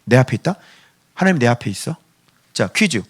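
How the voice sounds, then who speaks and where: A man's voice: medium pitch, sing-song, brisk, breathy edge. A male pastor preaching a sermon in a playful, theatrical way, quizzing his congregation.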